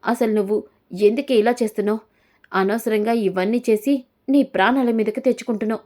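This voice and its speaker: A woman's voice: on the high side, fairly even intonation, fast, darkish tone, close to an everyday voice. A woman voicing an old grandmother who defends and scolds her granddaughter. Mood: scolding.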